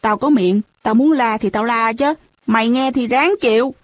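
A woman's voice: on the high side, normal speed, no echo, close to an everyday voice. Brief: a bossy, teasing young boy in a storybook, read by a woman, brash and dry-sounding.

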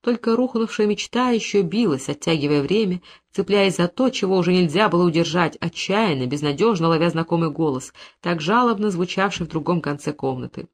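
An audiobook reader narrating a literary novel in a measured, dramatic way. The reading is steady and deliberate, with the tone following the story. Every line is read from a script. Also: mid-range voice.

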